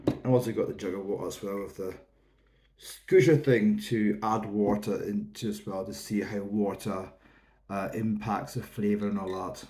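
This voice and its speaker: His voice is on the low side and darkish, with a steady tone and normal speed. He reviews whisky to camera in an informal, rambling way, explaining as he goes. He is in his thirties, from the Isle of Lewis in Scotland's Outer Hebrides, with a Hebridean accent.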